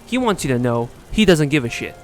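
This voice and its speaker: A man's voice: on the high side, big pitch swings, fairly quick, faint music behind. Sarcastic man narrating a video essay. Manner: sarcastic, joking. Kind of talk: scripted commentary.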